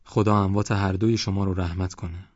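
A calm village cleric speaks patiently and coaxes gently, read by a man with a low voice. The recording is dry and slightly muffled. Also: no room sound. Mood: coaxing. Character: older male village cleric, calm and persuasive.

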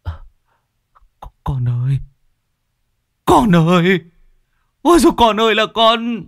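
A man's voice: high voice, big pitch swings, slow, fairly bright tone, no echo, studio quality, pitched above the performer's own voice, full character voice. A man voicing a broken old father who wails and sobs over his lost child. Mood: anguished wailing. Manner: wailing, sobbing cries.

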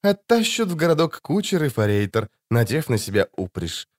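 A man's voice: mid-range voice, big pitch swings, normal speed, voice pushed up, close to an everyday voice. A man voicing a leering, mocking young male bandit in an audiobook. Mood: sneering. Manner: sneering, taunting.

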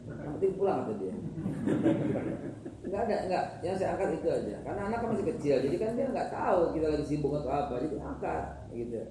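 Joking preacher in echoey hall. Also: male voice, on the high side, dark tone. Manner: joking, chatty preacher mixing Arabic phrases. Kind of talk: weekly religious lecture. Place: large echoing study hall. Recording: echoey hall from far off, noisy.

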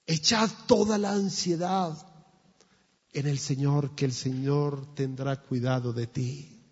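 A man's voice: medium pitch, steady tone, slow, breathy edge. A man pastor, preaching a sermon emphatically, with repetition and rhetorical questions. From Colombia. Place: church. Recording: long church reverb, dull sound.

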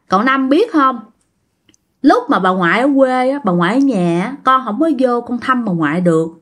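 A woman's voice: on the high side, a bit bright. A woman voicing the spirit of a dead young man who speaks through a living relative and scolds harshly.

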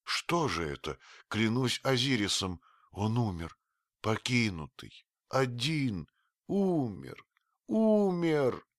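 A man reading an audiobook, voicing a very old grieving female servant who wails and scolds in a strained high voice. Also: animated, takes it slowly, fairly bright tone, dry recording, clean studio sound. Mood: wailing. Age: older.

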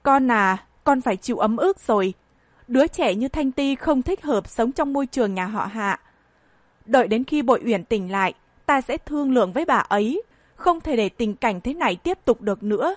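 A woman's voice: on the high side, expressive, moderate pace, no room sound. A woman voicing a stern old family patriarch. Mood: weary. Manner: scolding, weary and disappointed. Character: stern old grandfather, head of a rich family.

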